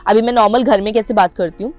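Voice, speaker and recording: A woman's voice: mid-range voice, fast talker, faint music behind. A young adult Indian woman teaching public speaking to camera, mixing English into Hindi with an Indian English accent and stressing her words emphatically. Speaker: anchoring and public speaking coach.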